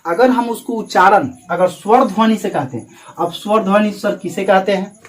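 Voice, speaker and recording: A male teacher at the front of a coaching classroom, working through a grammar lesson with his students in the room. He drills each point slowly, word by word, and keeps stopping to ask whether anyone is having trouble. He talks to his class with easy affection. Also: sits high, poor audio. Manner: calls students "babu" affectionately.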